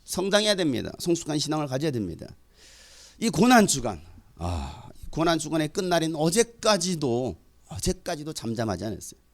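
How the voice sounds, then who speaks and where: Impassioned male pastor preaching, high lively voice. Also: a little fast. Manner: impassioned preaching that rises to loud exhortation. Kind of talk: sermon.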